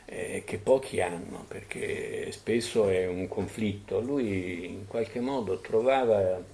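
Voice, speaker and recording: A man with a fairly low voice speaks at a bookshop event. His storytelling wanders and keeps circling back with fillers and little tag questions to the listeners. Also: slow pace, gravelly, a little mellow, slight background noise. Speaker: panelist at a book presentation. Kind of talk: anecdotal public talk.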